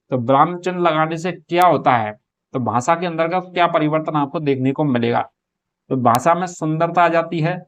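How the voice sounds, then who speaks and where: A man teaching an exam-prep lesson, who explains each answer step by step and asks and answers his own questions. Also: a little high. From Rajasthan. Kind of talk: exam prep lesson, solving a model paper.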